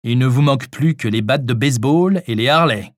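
A man's voice: medium pitch, brisk, dry recording, close to an everyday voice. A man reading an audiobook, voicing a wry, playful doctor with dry teasing.

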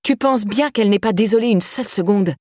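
A woman's voice: mid-range voice, brisk, a little mellow, dry recording, clean studio sound, natural voice. A woman voicing a scornful, hard-faced stepmother who sneers and needles. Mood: contemptuous.

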